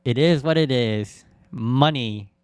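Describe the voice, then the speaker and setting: A man's voice: mid-range voice, takes it slowly, smooth, dry recording. A man from Canada doing casual reaction commentary in short, incredulous remarks with some swearing. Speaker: streamer reacting to a video.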